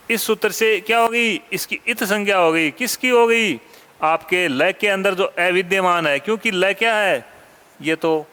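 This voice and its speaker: High, bright-voiced man teaching Sanskrit grammar. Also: clear, resonant tone, long reverb tail. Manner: asks questions and answers them himself; repeats key terms slowly and deliberately. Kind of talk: classroom lecture.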